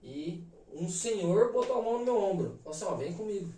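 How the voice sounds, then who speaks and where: A Brazilian man in his thirties, a podcast guest, telling a personal story in an animated, emphatic way full of slang fillers. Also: high voice, a little fast. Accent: Brazilian Portuguese. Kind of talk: casual storytelling. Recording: roomy echo, mic at a distance.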